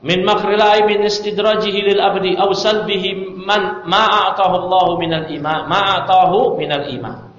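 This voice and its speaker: A man's voice: sits high, moderate pace. A man teaching a religious study class, asking his listeners rhetorical questions and reciting Arabic phrases between his explanations. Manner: animated, asks the audience rhetorical questions. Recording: dull, echoey hall recording.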